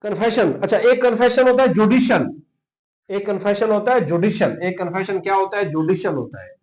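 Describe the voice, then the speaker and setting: In a low-quality recording, a high-pitched Pakistani man teaches law to police exam candidates a little fast, with lively intonation and a slightly mellow tone. He blends Urdu with English legal terms, repeating himself emphatically, spelling out key terms, and checking understanding.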